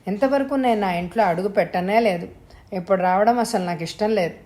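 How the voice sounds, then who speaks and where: A woman reading the part of a young wife who speaks calmly and in measured sentences. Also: mid-range voice, close to an everyday voice. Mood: composed. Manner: calm, measured. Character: young wife, cool and composed.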